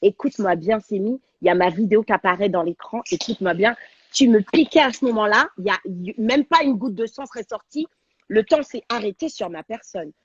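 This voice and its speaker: A woman, a guest on a talk show, telling a personal story in an animated, slangy, dramatic way over a video call. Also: medium pitch, brisk, husky, no echo, lo-fi sound. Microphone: video call on a livestream.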